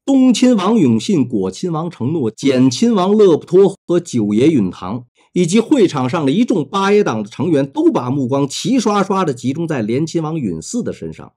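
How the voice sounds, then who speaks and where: A man narrating a novel retelling in a dramatic, expressive way. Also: fairly high pitch, moderate pace, hardly any pauses, breathy edge. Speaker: storyteller.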